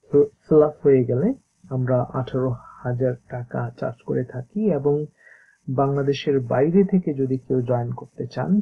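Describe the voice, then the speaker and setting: A man explains a course and English pronunciation, talking very slowly with a gravelly, husky voice. He stops often and says words again and again to show how they sound. The recording is dull and lo-fi. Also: medium pitch. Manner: slow, halting, repeats words to demonstrate pronunciation. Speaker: English teacher. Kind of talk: course promo and pronunciation lesson.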